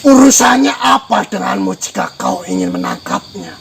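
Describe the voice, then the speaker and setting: A man voicing a male guardian spirit of a place who questions the visitors slowly and sternly. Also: high-pitched, wildly swooping pitch, gravelly, fairly bright tone, slight background noise, exaggerated voice. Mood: probing. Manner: slow, commanding, interrogating. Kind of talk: spirit-possession role-play.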